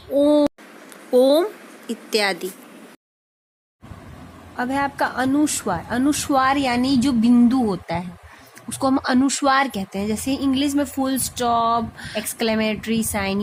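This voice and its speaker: A woman's voice: fairly high pitch, a little hiss or hum. A woman teaching a grammar lesson, explaining each point patiently and often checking in with her students.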